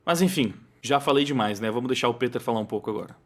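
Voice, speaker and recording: A man with a Brazilian Portuguese accent hosting a react video in casual, digressive commentary. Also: quick pace. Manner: chatty, digressive, lively pitch swings.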